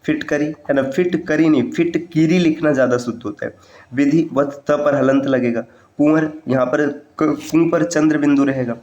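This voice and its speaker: A man's voice: on the high side, fairly even intonation, moderate pace, a little mellow, roomy sound, muffled recording. A man teaching a Hindi spelling lesson for exam preparation, going word by word and repeating each correct form, telling students what to remember. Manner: addresses students directly to remember points.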